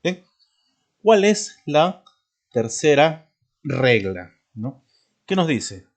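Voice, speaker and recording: A man teaching a spelling lesson, who clears his throat often, drills example words one by one and keeps checking in with the student. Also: on the high side, big pitch swings. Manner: checks in constantly with "¿de acuerdo?" and "¿no?"; stresses and drills each example word slowly.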